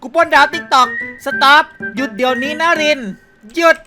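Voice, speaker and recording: A man giving playful, excitable gameplay commentary, laughing often and using crude slang. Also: extremely high pitch, moderate pace. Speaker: gaming YouTuber. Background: background music.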